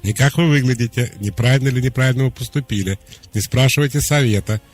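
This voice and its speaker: A man hosting a radio call-in show as a psychologist, calmly explaining and giving direct advice. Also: medium pitch, fast, soft background music.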